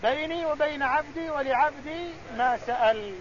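Man, very high voice, religious teacher, quizzing students, muffled recording, faint background noise. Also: moderate pace. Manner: explains and quizzes students directly. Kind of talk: classroom Quran lesson.

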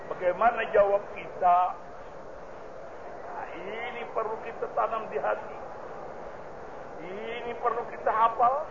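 High-voiced, gravelly teacher. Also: male voice. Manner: emphatic, asks and answers his own questions. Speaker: religious teacher. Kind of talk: religious study lesson on a hadith text. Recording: muffled lo-fi recording with clear background noise.

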